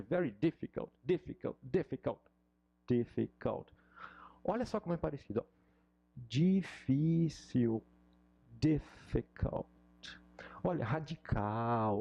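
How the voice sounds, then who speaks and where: Brief: middle-aged Brazilian man, English teacher, gravelly and dark, teasing. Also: medium pitch, highs cut off. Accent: Brazilian Portuguese. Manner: animated and joking, mocks students. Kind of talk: informal lesson chat.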